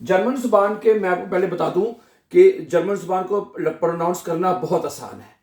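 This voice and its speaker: A male language teacher giving a slow classroom lesson, drilling each word and phrase over and over and asking his viewers questions before he answers them. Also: high-pitched, darkish tone, echoey room. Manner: drills words slowly, repeating each phrase.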